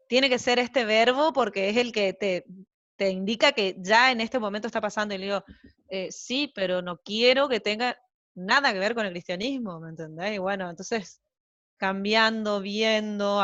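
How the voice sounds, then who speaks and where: Being interviewed casually as a translator, an Argentine mother of young children, between young adult and middle age, talks at normal speed in a mid-range, slightly bright voice. She chats and rambles with plenty of fillers and asides. The recording lacks room sound and is muffled.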